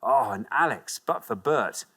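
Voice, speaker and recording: Animated and a little slow, with a sharp tone, this man runs a lively TV quiz show before a studio audience. He's upbeat and encouraging as he reads questions and scores, his pitch swinging widely.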